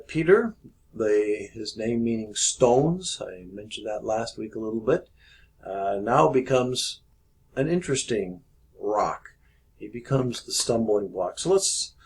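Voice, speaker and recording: A man, a pastor, giving a relaxed video devotion, explaining as he goes with many ums and uhs. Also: lowish voice, vocal fry, husky, low-quality recording.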